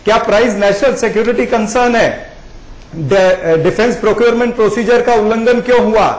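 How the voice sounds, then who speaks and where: A man speaking for his party in a televised debate, firing off a rapid string of pointed questions. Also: high-pitched, reverberant, poor audio. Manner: rapid-fire listing of questions. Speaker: party spokesman. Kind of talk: political debate.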